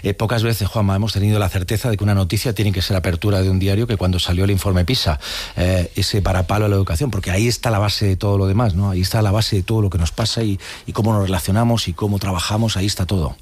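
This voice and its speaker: A man's voice: sits low, steady tone, quick pace, darkish tone, breathy edge. A man hosting a radio talk show, presenting segments and chatting with guests and commentators, with frequent fillers.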